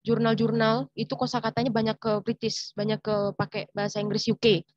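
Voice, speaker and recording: A woman's voice: a little high, little pitch movement, fairly quick, muffled recording. A young woman from Indonesia answering questions in an online writing class, explaining with lots of fillers and restarts. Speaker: writing workshop mentor. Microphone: video call.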